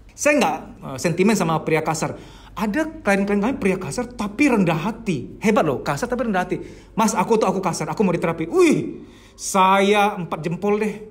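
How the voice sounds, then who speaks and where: A therapist with a high voice lectures a workshop group in a lively, casual way. He speaks straight to his listeners and poses rhetorical questions as he teaches. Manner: casual colloquial speech mixed with teaching terms. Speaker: therapist leading a healing workshop. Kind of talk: seminar lecture to a live group.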